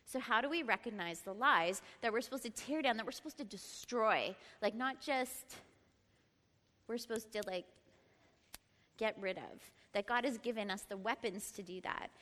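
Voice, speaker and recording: Middle-aged woman Bible teacher, lively and chatty, slightly high, bright voice; ringing reverb of a large hall. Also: normal speed. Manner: lively, laughs often, prompts the group to repeat. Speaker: teacher at a church Bible study. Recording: long reverb in a large room.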